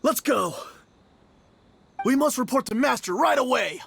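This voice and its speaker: A man doing a gravelly shouting guard. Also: very high-pitched, lively intonation, unhurried, a little hiss or hum, full character voice. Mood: defiant. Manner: curt, shouty.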